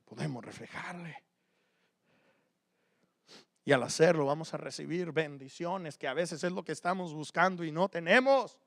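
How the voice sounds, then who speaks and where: A man preaching a sermon as pastor, moving between loud emphatic passages and quiet asides. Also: a little high, moderate pace, gravelly, long pauses, dry recording, studio quality.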